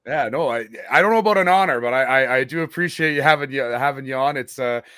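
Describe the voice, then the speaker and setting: A man's voice: medium pitch, quick pace, bright, forceful tone, smooth, dry recording, studio quality. A man from Canada hosting a podcast, interviewing guests in an upbeat, chatty way with frequent restarts. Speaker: podcast host. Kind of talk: casual interview chat.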